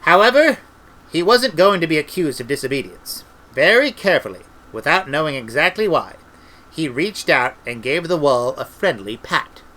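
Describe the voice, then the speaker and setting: A middle-aged man reading a comic novel aloud with lively, expressive storytelling. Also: fairly high pitch, moderate pace, rough recording. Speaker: audiobook reader.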